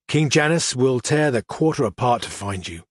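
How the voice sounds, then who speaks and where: A man voicing a defiant young woman who keeps her voice steady, in an audiobook. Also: mid-range voice, moderate pace, dry recording, studio quality, lightly acted.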